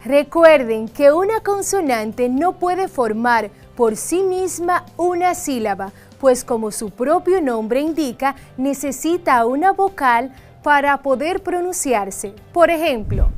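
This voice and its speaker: A woman teacher giving a scripted lesson, slowly stressing and repeating key phrases. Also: sits high, animated. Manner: slow, drawn-out repetition of key phrases. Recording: faint background music.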